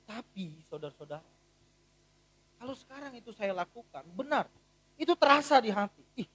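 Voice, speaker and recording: A man in his thirties, a pastor preaching a sermon in a church and telling stories with humor, often swinging from quiet to loud. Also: very high voice. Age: 30s. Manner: animated, humorous storytelling with big swings in loudness.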